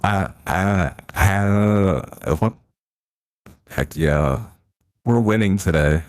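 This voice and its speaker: A man streaming a game through a deep pitch-shifting voice changer, chatting casually and reacting aloud to what happens on screen. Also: very slow, a little mellow, no room sound, clean studio sound. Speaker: live streamer. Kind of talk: casual gameplay commentary.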